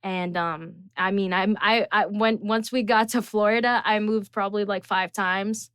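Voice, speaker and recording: Smooth-voiced young woman, bubbly and rambling. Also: medium pitch, fairly even intonation, moderate pace, fairly bright tone, dry recording, clean studio sound. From Brazil. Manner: bubbly, rambling with many fillers. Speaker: guest singer. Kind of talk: casual interview chat.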